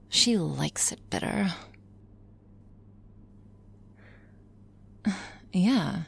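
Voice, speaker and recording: In an intimate ASMR roleplay, a woman plays a boss who is teasing, cynical and flirtatious, speaking sardonically and often slipping into breathy whispers. Her voice is on the low side and her delivery is heavily acted.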